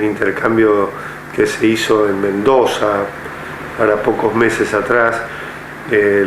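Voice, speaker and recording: Older argentine ex-general talking slow and careful, lots of ehs, lowish voice, roomy echo, bit of hiss. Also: male voice. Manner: measured, with frequent filler hesitations. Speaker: retired army general interviewee. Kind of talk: oral history interview. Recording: echoey room with faint noise.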